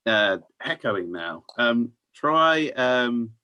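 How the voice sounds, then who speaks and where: A man on an online video call, speaking casually and haltingly with fillers as a meetup participant. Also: mid-range voice, big pitch swings, sharp tone, clear, resonant tone. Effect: heard over an online video call. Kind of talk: casual chat. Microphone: computer mic on a video call. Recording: dull lo-fi video call audio with faint noise.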